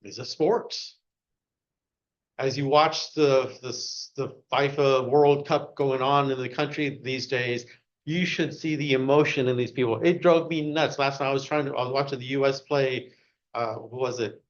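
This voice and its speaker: A man giving a short speech at a club meeting, asking the audience one question after another and growing loud and excited at times. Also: mid-range voice, normal speed, dull audio. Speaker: club speaker.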